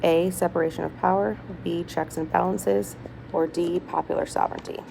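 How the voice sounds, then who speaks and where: A woman reading multiple-choice test questions aloud item by item in a hospital room, deliberately and with small stumbles. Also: lowish voice, fairly even intonation, gravelly. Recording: noisy hospital room with background chatter. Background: people talking, ambient noise.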